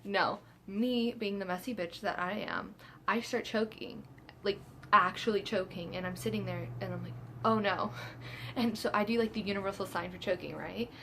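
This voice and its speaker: A woman's voice: mid-range voice, normal speed, pushed and bright, a little hiss or hum. A young woman vlogger telling a storytime tale in a chatty, self-mocking way, laughing often and acting out what everyone said. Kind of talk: casual storytime.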